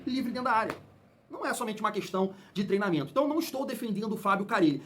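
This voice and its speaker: A man hosts a casual football commentary, talking straight to his fans. His voice sits high for a man. He sounds opinionated and heated, with a colloquial, chatty delivery. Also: a bit bright. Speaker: football channel host.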